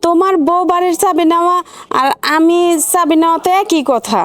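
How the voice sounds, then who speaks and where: A high female voice plays an anxious elder daughter-in-law in a TV family drama. She speaks hesitantly and pleads. The recording is close and dry. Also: fairly quick, fairly bright tone, no room sound. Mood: worried. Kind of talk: TV drama acting.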